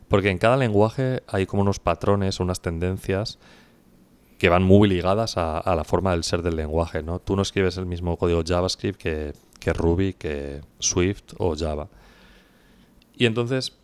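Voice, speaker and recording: A man in his thirties with an accent from Spain, chatting casually as a podcast co-host in a hoarse, gravelly voice. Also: deep voice, no room sound. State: hoarse from coughing. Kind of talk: casual chat.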